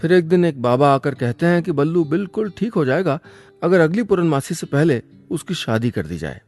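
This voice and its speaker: A man tells a scripted story on the radio, his voice sitting a little high and rising and falling with a lot of life. Soft music plays under his studio narration. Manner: lively, expressive narration.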